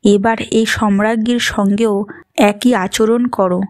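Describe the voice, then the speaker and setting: A woman voicing a furious, possessive young king who shouts orders and turns cold and harsh. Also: mid-range voice, steady tone, measured pace, dry recording, studio quality, lightly acted. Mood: angry.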